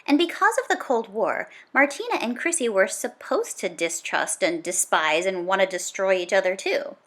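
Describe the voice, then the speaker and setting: A woman with a mid-range, slightly bright voice reads a children's nonfiction book aloud as a storybook reader. Her delivery is animated, dramatic and emphatic, full of punchy exclamations and drawn-out key words.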